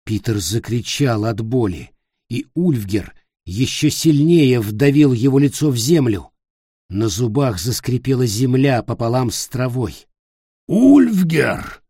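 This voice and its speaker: A man narrating an audiobook in a measured, expressive storytelling manner. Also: medium pitch, slightly rough, dry recording, studio quality. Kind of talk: scripted narration.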